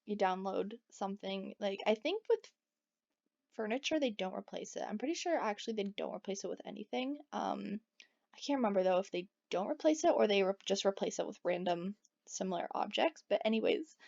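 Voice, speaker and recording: A woman's voice: mid-range voice, gravelly, a little mellow. A woman chatting casually as she narrates a life-sim game, rambling with frequent asides to her viewers. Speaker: let's play gamer. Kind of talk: casual gameplay commentary. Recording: dull lo-fi recording.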